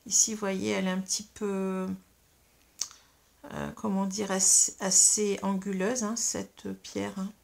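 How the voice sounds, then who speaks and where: A woman tarot reader guiding viewers through a card reading in a soft, calm, instructive way, hesitating often with fillers and restarts. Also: medium pitch, unhurried, vocal fry.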